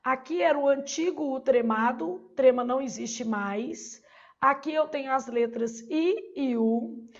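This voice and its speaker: In a muffled recording, a Brazilian woman with a high, slightly slow voice leads a Portuguese exam-prep lesson. She teaches didactically, posing questions and then answering them herself.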